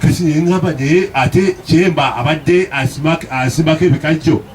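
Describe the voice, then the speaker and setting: A man's voice: on the high side, fairly quick, a little hiss or hum. A man from Uganda, a municipal councillor, making a public statement, speaking emphatically and often repeating himself. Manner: emphatic, repeats himself, now and then shouts.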